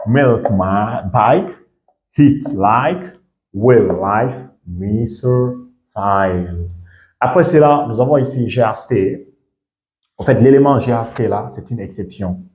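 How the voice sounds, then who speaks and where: A man's voice: medium pitch, slow, darkish tone. A man giving a language lesson as an English teacher, explaining step by step and checking in often with his learners. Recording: echoey room.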